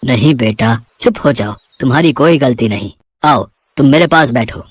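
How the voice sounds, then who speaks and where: A woman voicing a kindly, principled middle-aged jalebi seller in a cartoon, with a gentle, fatherly way of talking. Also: extremely low pitch, moderate pace, breathy edge, no room sound. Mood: soothing. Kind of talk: cartoon voice acting.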